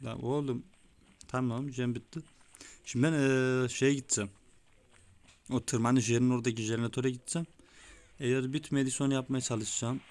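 A young man giving casual, excitable gameplay commentary, swearing often and talking like a buddy, his voice a bit rough. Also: medium pitch, fairly quick, pauses often. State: sweaty, voice gone a bit rough. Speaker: gaming YouTuber. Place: small room with window closed.

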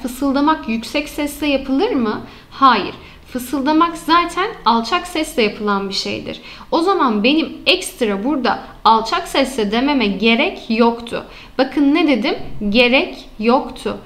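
A woman teacher with a high voice walks her students through example sentences in an online lesson. She poses questions to the class and answers them herself, drawing out the key terms slowly so they stick. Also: a bit bright. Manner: slows and stresses key terms.

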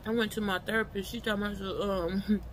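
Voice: medium pitch, level tone, moderate pace, slight background noise. A person chatting casually and colloquially to followers while eating, talking with a mouth full of food. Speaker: vlogger.

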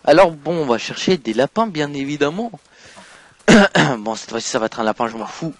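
A man giving let's play commentary while playing a game, excitable, swinging from mumbled asides to loud outbursts. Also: on the high side, normal speed, dry recording. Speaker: gaming YouTuber.

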